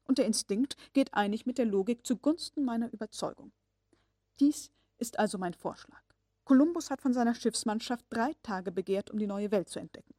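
A woman's voice: on the high side, a little fast, dark tone, dry recording, close to an everyday voice. Female reader voicing a hard-willed older professor, insistent, dry booth sound. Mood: persuasive. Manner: urgent, insistent, rising to a hard tone. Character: stern, stubborn old male professor.

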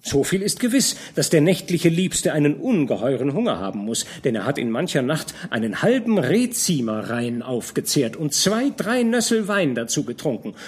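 A man voicing a gossiping middle-aged female innkeeper who spreads scandal in a hushed, eager way. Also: breathy edge. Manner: chatty, conspiratorial, hushed to shrill.

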